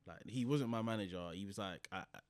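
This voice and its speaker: A man's voice: fairly low pitch, fast, dry recording. A man with a South London accent telling stories in slangy casual chat, repeating phrases for emphasis. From Croydon, South London. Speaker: podcast host. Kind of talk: casual chat, animated anecdotes.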